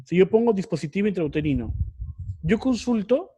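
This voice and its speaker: A man's voice: sits high, animated, normal speed, dark tone, slightly rough. A man teaching an online research class, explaining step by step and often repeating or correcting himself.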